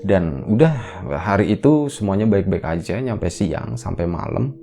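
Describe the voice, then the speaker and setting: Low mellow man telling a ghost story. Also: unhurried, creaky, soft background music. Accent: Indonesian. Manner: relaxed conversational storytelling with fillers. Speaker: horror storyteller. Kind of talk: casual retelling of a ghost story.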